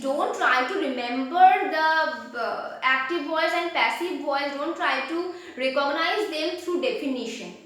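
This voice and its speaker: Woman, teacher, grammar lesson, rephrasing explanations, high voice, very echoey room. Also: pushed and bright. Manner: explanatory, repeats and rephrases with "I mean". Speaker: English teacher.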